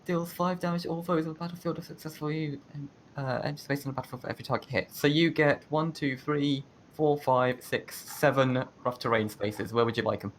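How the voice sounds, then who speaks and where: A man's voice: on the high side, brisk, hardly any pauses, slight background noise. A man narrating as game master in a casual online tabletop session, hesitant and laughing often. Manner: laid-back, hesitant with many fillers, laughs often.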